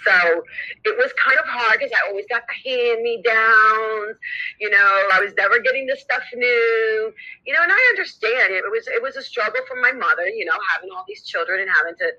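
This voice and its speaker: A woman's voice: a little high, animated, fairly quick, pushed and bright. Chatty middle-aged woman, lo-fi sound. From New Jersey. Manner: rambling, candid storytelling with many fillers. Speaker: guest. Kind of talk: casual interview chat. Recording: dull lo-fi recording.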